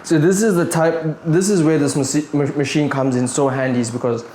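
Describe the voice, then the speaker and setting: A man's voice: on the high side, fairly even intonation, brisk, darkish tone. A man hosting as a chiropractor, chatting casually with a patient and often checking in with "right?". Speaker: chiropractor and host. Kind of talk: casual chat during treatment. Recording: echoey room with faint noise.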